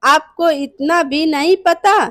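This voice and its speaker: Woman reading as a sly young daughter-in-law, high voice, unhurried, dry sound, storybook. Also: fairly bright tone, no room sound. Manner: sweetly pleading, mocking.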